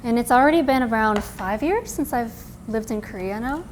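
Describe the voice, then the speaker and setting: Expressive and fairly high-pitched, this woman speaks at a normal speed with a little hiss or hum in the background. She's an American-accented barista and coffee content creator in her twenties from California, casually reflecting on her own story to camera.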